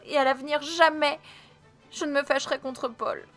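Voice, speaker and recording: Woman playing a small girl, high squeaky voice, halting and tearful, storybook reading. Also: steady tone, a bit bright, soft background music. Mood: upset. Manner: halting, on the verge of tears. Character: young girl, remorseful, tearful.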